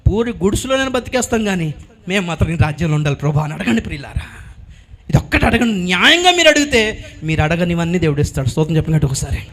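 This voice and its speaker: A man preaching a sermon as pastor, telling the story dramatically and calling the congregation to shout hallelujah. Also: high voice.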